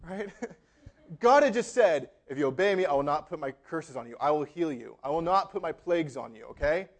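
A man with a bright, high voice delivers a sermon with an American accent. He talks like he's chatting with the congregation, acting out voices and checking in with frequent "right?". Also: animated, brisk. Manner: conversational preaching, frequent asides of "right?" and laughter. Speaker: pastor.

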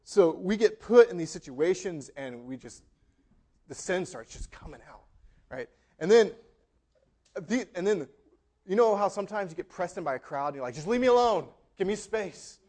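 A man's voice: high voice, lively intonation, moderate pace, long pauses, darkish tone. A man preaching a sermon in a conversational, joking way with an American accent, often tossing in "right?" and acting out quotes. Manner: conversational preaching, frequent asides of "right?" and laughter. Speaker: pastor.

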